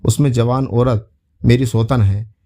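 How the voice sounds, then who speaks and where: A man's voice: mid-range voice, steady tone, unhurried, gravelly, mellow. A man reading as a jealous young wife, wailing and accusing. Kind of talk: storytelling.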